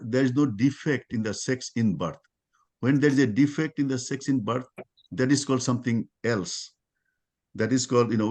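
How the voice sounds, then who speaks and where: A middle-aged man giving an informal talk at a religious study circle over a video call, part of it read aloud, full of halting restarts and fillers. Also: lowish voice, darkish tone.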